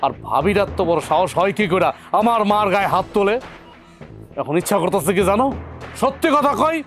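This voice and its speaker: An indignant young husband with a colloquial Bangladeshi Bengali accent, scolding in a fairly high voice. He talks fast, and soft music plays underneath. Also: lively intonation. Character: angry young husband defending his mother. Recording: with faint background music.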